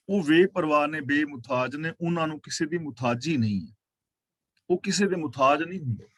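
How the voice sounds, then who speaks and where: A man teaching a scripture class, chanting verses slowly and then explaining them in plain talk. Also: fairly high pitch, fairly bright tone, dry recording.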